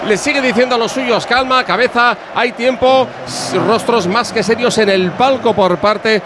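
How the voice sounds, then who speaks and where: A man's voice: high voice, normal speed. A man giving a live sideline report at a football match. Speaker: pitchside radio reporter. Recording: noisy stadium with crowd.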